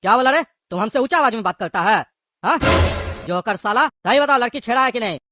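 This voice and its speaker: A man's voice: extremely high pitch, expressive, fast talker, bright, forceful tone, heavily acted. A voice actor playing a hot-tempered male gangster in a cartoon, taunting and threatening. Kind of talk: cartoon voice acting.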